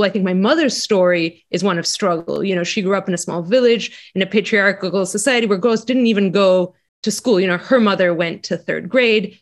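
Panelist, woman; loose, conversational delivery full of "you know"s. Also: mid-range voice. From Greece. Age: 40s. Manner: conversational, many "you know" fillers and restarts. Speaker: panelist, center executive director. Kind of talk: panel discussion.

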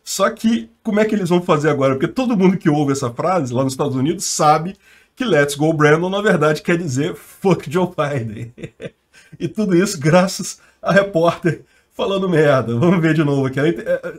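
Chatty Brazilian man, slightly high voice. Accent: Brazilian Portuguese. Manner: chatty, laughs often, slangy. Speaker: channel host. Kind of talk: casual news commentary.

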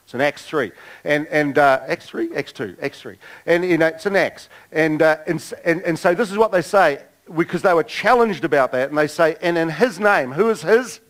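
A middle-aged man preaching a sermon to a church congregation. He tells stories in an animated way, acts out the voices of people in them, and pokes fun at himself. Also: on the high side, normal speed, poor audio. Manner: animated storytelling, acting out quoted voices, self-mocking humor. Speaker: pastor. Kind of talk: storytelling sermon. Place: church service before a congregation.

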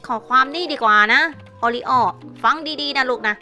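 A woman's voice: sits high, moderate pace, bright, forceful tone, faint music behind. A woman voicing a silly, pleading old male cowboy uncle during playful game commentary, tossing in English phrases. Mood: goofy.

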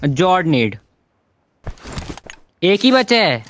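A man's voice: high voice, sing-song, drawn-out words, very noisy. A man leading his squad in a shooter game, giving urgent, repeated commands to teammates. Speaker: squad leader streaming a battle royale game. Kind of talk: live gameplay callouts. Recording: loud gunfire under game audio.

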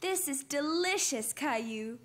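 An actress playing a cheerful, encouraging young babysitter in a children's cartoon, speaking in an upbeat way. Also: female voice, high-pitched, animated, a little slow, a bit bright. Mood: friendly.

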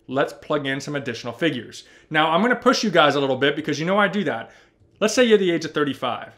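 A man in his thirties, a personal finance YouTuber, explaining over a spreadsheet in an animated, emphatic way, talking straight to the viewer from a home office. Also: fairly high pitch. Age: 30s.

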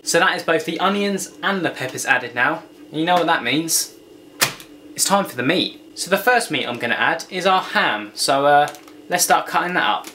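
With lively intonation at a moderate pace, a young adult man in a fairly high voice playfully narrates his home cooking. He's in a small kitchen indoors, and the home camera, set a little way off, records clear background noise too.

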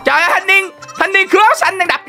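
A young woman gives excited, exclamatory commentary as she plays a game. Her voice is high and bright, and she talks at a rapid clip. Faint game music runs behind her. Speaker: gaming channel host.

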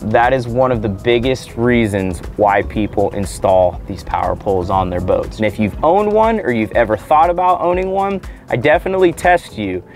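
A man's voice: mid-range voice, moderate pace, few pauses. Upbeat man hosting an outdoor boat vlog. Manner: upbeat, relaxed explaining to viewers. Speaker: channel host. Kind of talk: casual how-to vlog. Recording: faint music underneath.

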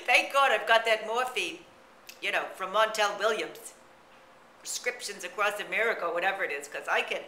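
Man voicing a brassy, frail old gossip of a lady, bright wobbly voice, roomy echo. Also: high-pitched, a little hiss or hum. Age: older. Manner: chatty, rambling, full of "you know" and cackling asides. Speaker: comic character monologue. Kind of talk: character comedy monologue to camera.

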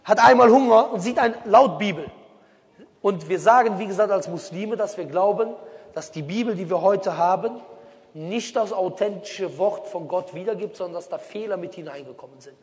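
High-voiced male preacher, reverberant. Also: moderate pace. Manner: rhetorical, keeps asking questions. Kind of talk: public religious talk to a crowd. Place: on a stage.

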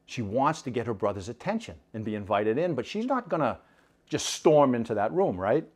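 Male speaker, storyteller, lively up-and-down delivery, chatty, mid pitch. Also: brisk, slightly rough. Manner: animated, conversational, asks listeners "right?". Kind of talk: storytelling talk.

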